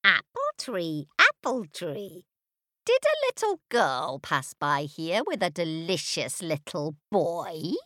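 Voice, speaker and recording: A woman's voice: lowish voice, big pitch swings, slow pace, sharp tone, no room sound, clean studio sound, heavily acted. A woman voicing a greedy, menacing old witch who screeches and croons. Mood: demanding. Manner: shrieking, crooning.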